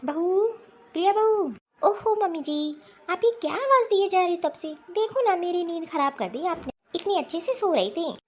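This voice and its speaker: Defiant young daughter-in-law voiced by a woman, sharp-tongued, high lively voice, cartoon story. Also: normal speed, slight background noise. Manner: talking back, defiant.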